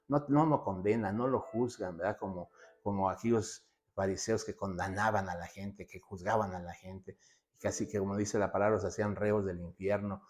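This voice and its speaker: A man's voice: deep voice, steady tone, normal speed, darkish tone. A man preaching a sermon, asking rhetorical questions and repeating phrases for emphasis. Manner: asks himself rhetorical questions and answers them.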